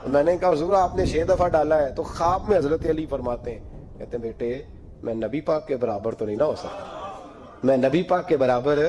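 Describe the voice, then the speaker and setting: पुरुष, ऊँची आवाज़, धार्मिक बयान, उतार-चढ़ाव भरी नाटकीय कथा. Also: male voice, fairly quick, a crowd in the background, rough recording. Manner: acts out quoted voices with big pitch swings. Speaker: preacher. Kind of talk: sermon storytelling.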